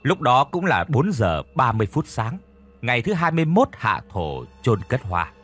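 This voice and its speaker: Male horror-story narrator, husky voice, lively pitch, quiet music underneath. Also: normal speed. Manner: vivid, dramatic storytelling.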